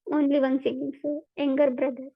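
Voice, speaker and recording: A woman's voice: high-pitched, little pitch movement, fairly quick, no echo. A young woman with a Kannada-influenced Indian English accent, answering mock interview questions as a timid, deferential and hesitant job candidate. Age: young adult. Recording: thin phone-like line.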